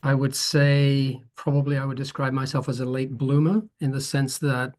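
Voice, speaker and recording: Speaking at a moderate pace and medium pitch, a fifty-something Dutch man, a guest photographer, goes on at length in an easygoing interview. He is reflective and wandering, frequently starting his thoughts over.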